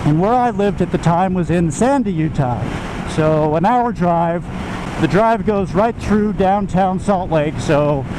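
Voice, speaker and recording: A middle-aged American man telling a rambling, casual personal story from inside a motorcycle helmet while riding. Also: sits high. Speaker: motovlogger. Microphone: helmet microphone. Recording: helmet mic, loud engine and wind noise.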